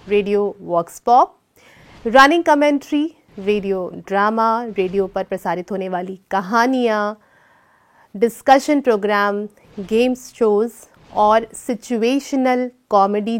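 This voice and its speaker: A woman giving a scripted lecture on radio scriptwriting, speaking in a measured, deliberate way and varying her delivery to demonstrate. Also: on the high side.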